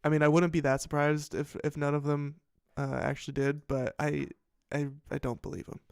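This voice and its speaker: A man's voice: a little high, level tone, moderate pace, gravelly, darkish tone, clear, resonant tone, dry recording, clean studio sound. A man hosting a casual commentary show, rambling and swearing as he reads headlines and reacts with frequent restarts. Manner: rambling, profane, self-interrupting. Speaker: podcast host.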